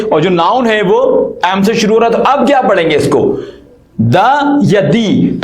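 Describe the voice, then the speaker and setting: A man with a fairly high voice explains English grammar in a patient classroom way. He keeps asking the viewer questions and then answers them himself. The voice sounds roomy and echoey. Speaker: English teacher.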